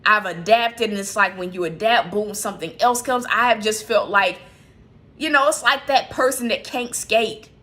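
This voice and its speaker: A woman's voice: medium pitch, normal speed, pushed and bright. A woman hosting a ministry livestream, speaking in a heartfelt, confessional way, emotional and close to tears, with many fillers like "you know" and "like". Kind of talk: candid spiritual sharing on a livestream. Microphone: streaming setup.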